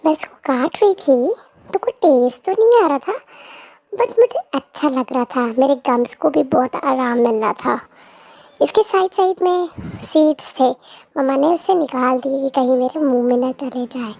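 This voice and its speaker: A woman's voice: high-pitched, expressive, moderate pace, creaky, darkish tone, dry recording. Chirpy baby girl. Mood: cheerful. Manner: chirpy, playful, talks straight to viewers. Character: chatty cheerful baby girl narrating her day. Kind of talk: cutesy vlog narration.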